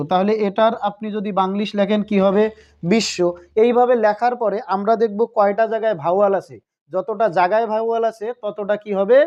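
Guy teaching grammar on video, high voice, asks then answers himself, dull sound. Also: darkish tone. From Bangladesh. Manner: asks questions and answers them himself, repeats key points. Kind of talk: recorded video lesson. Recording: dull lo-fi recording.

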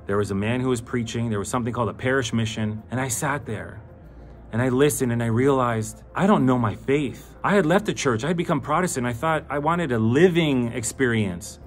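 A man's voice: mid-range voice, fairly quick, faint music behind. A middle-aged man giving a fervent, emphatic personal testimony that turns into pleading exhortation. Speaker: speaker giving a faith testimony.

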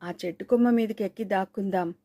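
A woman's voice: mid-range voice, fast talker, warm tone, dry recording, natural voice. A woman reading the lines of a carefree, fearless young village man who talks bluntly and easily in a storybook thriller. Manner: blunt, easygoing.

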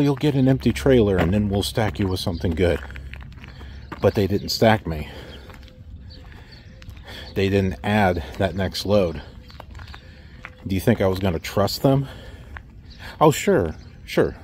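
A middle-aged man speaks slowly in a somewhat low voice, talking to a phone held at arm's length in an outdoor lot. He asks wry rhetorical questions and mocks the replies he got, in a casual vlog manner. Faint outdoor noise sits behind him. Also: animated, a little mellow. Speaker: truck driver vlogger. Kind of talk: casual talk to camera.

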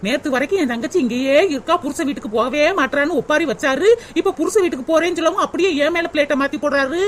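Lady doing a fast high-pitched snarky cartoon daughter-in-law. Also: slight background noise, natural voice. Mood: sarcastic. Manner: sarcastic, complaining. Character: sharp-tongued grumbling daughter-in-law.

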